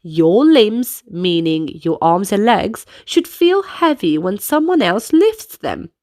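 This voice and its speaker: Speaking slowly in a sing-song, medium-pitched voice with a darkish tone, a woman narrates a storybook and shows children how to do dance movements. Her delivery is instructive and clearly paced, and the recording is dry and studio quality.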